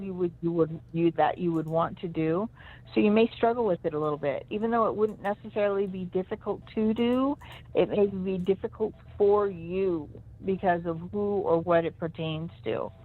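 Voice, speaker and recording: Woman on a crackly, breaking-up phone line. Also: fairly low pitch. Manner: searching and hesitant, with many restarts. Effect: crackly phone line that cuts in and out. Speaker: co-host giving psychic readings. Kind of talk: intuitive reading for a caller.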